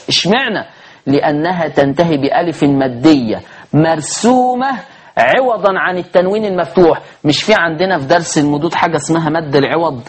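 Egyptian man, high voice, tajweed teacher who quizzes his students with rhetorical questions and chants verses slowly. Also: husky. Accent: Egyptian Arabic. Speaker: Quran recitation teacher. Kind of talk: tajweed lesson.

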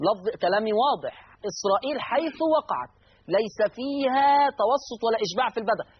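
A man with an Egyptian accent teaching Quran recitation rules, repeating each rule and slowly drawing out the verse words he recites. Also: very high-pitched, animated, slightly rough, dull audio. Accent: Egyptian Arabic. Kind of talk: explanatory lesson on Quran reading rules.

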